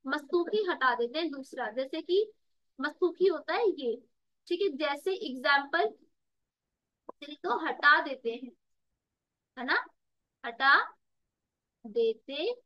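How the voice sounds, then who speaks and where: A woman's voice: high-pitched, lively intonation, takes it slowly, pauses often, no echo, dull audio. A woman tutor giving an online exam-prep lesson, calling students "beta" and repeating words with rhetorical questions to the class. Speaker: Urdu tutor.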